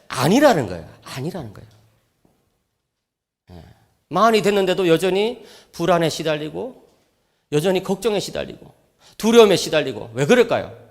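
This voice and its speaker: A middle-aged man giving a sermon as a professor at a church camp, animated, often prodding listeners with quick questions and joking with the audience. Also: high-pitched. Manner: jokes with the audience.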